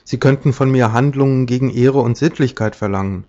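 A stiff, formal professor, read by a man in a storybook recording speaks with a halting, wounded dignity, at a middle pitch. The sound is dull and lo-fi. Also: dark tone, lightly acted. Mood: hesitant. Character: timid, dignified male professor, hesitant.

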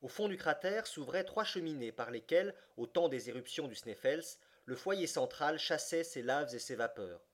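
A man's voice: a little high, moderate pace, few pauses. Man reading a classic novel aloud. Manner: expressive reading that rises sharply for excited passages. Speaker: audiobook reader. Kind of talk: literary audiobook narration.

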